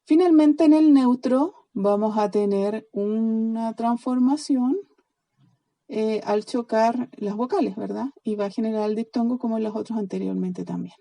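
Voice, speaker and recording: A woman's voice: on the high side, unhurried, gravelly, dark tone, dry recording, rough recording. A Chilean woman teaching a recorded online lesson, drilling word endings one by one and checking often that students follow. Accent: Chilean Spanish. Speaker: biblical Greek teacher.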